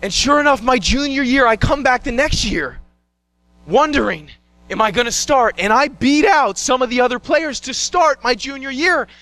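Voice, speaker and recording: High, bright young man telling a story. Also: normal speed, dry recording. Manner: animated, acts out scenes and voices. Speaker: solo stage performer. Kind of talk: one-man show storytelling.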